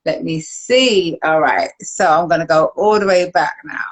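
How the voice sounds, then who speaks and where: A British woman from the United Kingdom with a deep voice and moderate pace hosts a live online show on a video call. She chats casually, thinks aloud while reading comments, and often laughs, though the recording quality is low.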